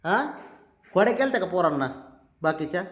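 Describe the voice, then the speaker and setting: A man's voice: sits high, big pitch swings, fairly quick, a bit bright. A man coaxing his pet cat in affectionate, sing-song baby talk, calling it over and over. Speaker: cat owner. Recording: roomy echo.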